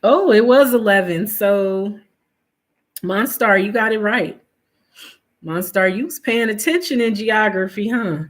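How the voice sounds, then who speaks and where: With a medium pitch and lively intonation, this woman chats at a measured pace with viewers on her stream. Her allergies make her nasal and sniffly, and she's a chatty host who reads out names and trails off with fillers.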